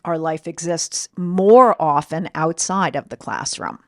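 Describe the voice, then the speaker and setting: A woman's voice: low voice, expressive, measured pace, no room sound, clean studio sound. A woman co-presenting an informal talk, explaining things plainly and checking in with rhetorical questions. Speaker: co-presenter from a deaf services center.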